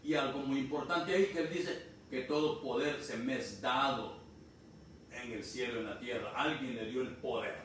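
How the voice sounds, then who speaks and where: A man from Honduras preaching a sermon, explaining slowly and repeating key phrases. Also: fairly high pitch, fairly bright tone. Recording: distant mic in echoey room, faint noise.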